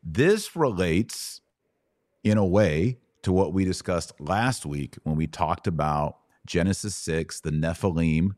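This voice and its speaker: A Bible teacher hosting a podcast takes questions and walks through scripture in a conversational way, his very low voice slightly mellow. He's expressive and slow, building explanations patiently in steps and dropping in quick rhetorical tags to check that listeners follow. The sound is close and dry, with no echo or room reflections.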